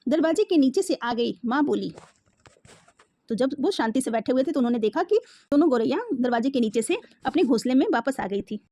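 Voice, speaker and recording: High-voiced teacher reading a story. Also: female voice, expressive, a little fast, mellow. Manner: reads a passage, then retells it in simpler words; mixes English words into the explanation. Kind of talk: reading a story aloud and explaining it.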